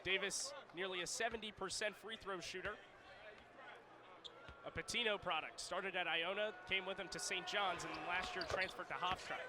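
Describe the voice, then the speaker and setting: This is radio basketball commentary from a man with a high, steady voice talking at an ordinary pace. Over the din of the arena and bouncing balls, he describes the action in short bursts and leans into the biggest moments.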